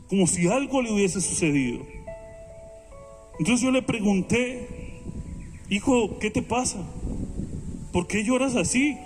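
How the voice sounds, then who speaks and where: Male pastor, middle-aged, earnest sermon delivery; slow, unhurried pace; long hall reverb with soft music. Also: high voice. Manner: prayerful, earnest preaching with slow measured phrasing.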